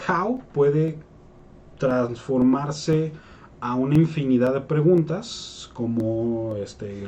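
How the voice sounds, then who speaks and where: A man's voice: medium pitch, dark tone, a little hiss or hum. Playful man teaching English. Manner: playful, jokes and acts out quoted voices. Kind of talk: casual video lesson.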